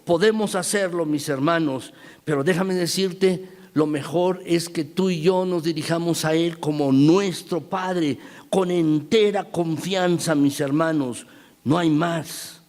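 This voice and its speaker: A male pastor delivers an emphatic sermon in a fairly high voice, turning again and again to the congregation. His words ring out with a long hall reverb from the church sanctuary. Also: takes it slowly, darkish tone. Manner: emphatic, repeatedly addressing the congregation as brothers.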